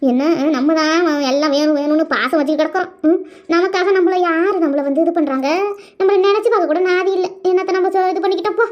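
Lady doing a squeaky fast-talking grumpy auntie from a cartoon, muffled lo-fi sound. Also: fairly even intonation. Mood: bitter grumbling. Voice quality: quick, scolding chatter. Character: grumbling village woman, the older sister figure. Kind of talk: animated cartoon voice acting.

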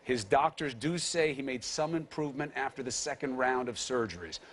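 A man's voice: mid-range voice, normal speed, a bit bright. Earnest male news anchor. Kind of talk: morning news presenting.

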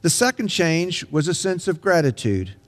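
An older man, an interim pastor, preaching a sermon from the pulpit in a large church sanctuary, measured and earnest with emphatic rises. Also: on the high side, very animated. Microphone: pulpit microphone. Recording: long reverb of a large sanctuary.

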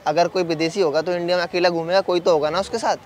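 A man's voice: sits high, fairly even intonation, fast, over a noisy crowd. A young man playing a friend in a comedy skit who keeps insisting and stammers as he tells on his friend, outdoors on a city street. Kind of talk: acted street skit argument.

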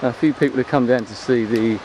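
On a low-tide beach, a vlogger speaking fairly quickly in a mid-range voice gives loose, chatty, unscripted commentary as he strolls. Everything comes through the handheld camera's built-in mic, with wind and surf clearly audible.

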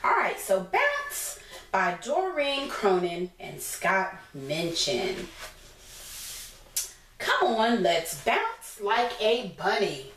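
A preschool teacher in her thirties, American, reads a picture book aloud to young children, encouraging them and asking simple questions. Her medium-pitched voice swoops wildly, with drawn-out words and a slightly bright tone. The distant mic in a small room with a plain decorated wall picks up roomy echo and clear background noise.

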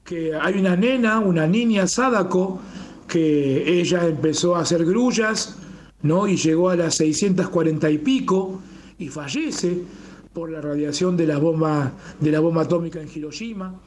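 A man with a fairly high voice and a Rioplatense Spanish accent speaks at normal speed as a radio interview guest. He's the communications manager of a Japanese garden, talking warmly and enthusiastically and often tagging on a rhetorical "¿no?".

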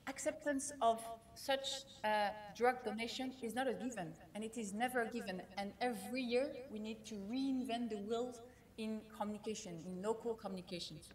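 A woman whose first language is not English, giving a conference keynote in a measured way, with frequent fillers and restarts. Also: fairly high pitch. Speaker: keynote speaker.

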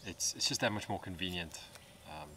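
A relaxed Australian man in his thirties with a very low voice, chatting casually through a camping vlog. He talks at an easy pace with plenty of fillers. Insects and crickets buzz clearly in the bush around him. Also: normal speed. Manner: relaxed, easygoing, with frequent fillers. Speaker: camping vlogger. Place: outdoor bush campsite. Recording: outdoor recording with insect noise.

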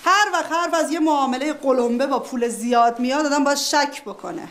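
An actress playing a skeptical wife, doubtful and teasing in a dry way. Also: female voice, sits high, fairly bright tone, a little hiss or hum. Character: skeptical, sharp-tongued wife. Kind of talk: TV drama acting.

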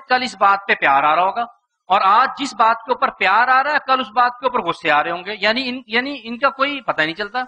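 A man's voice: high-pitched, bright, forceful tone. A man giving a motivational lecture to a live audience, speaking rhetorically, putting questions to the listeners and acting out what parents say.

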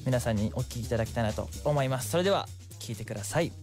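A man's voice: medium pitch, expressive, racing, a little mellow, faint music behind. A young man, hosting a radio show in a studio, reading listener letters and answering them in a friendly, chatty way. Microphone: studio microphone.

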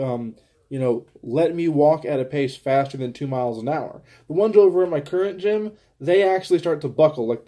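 A young man vlogging casually to a camera held close, chatting in a small room at home. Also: medium pitch. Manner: relaxed, chatty, with fillers. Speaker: fitness vlogger. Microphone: camera held close to the face.

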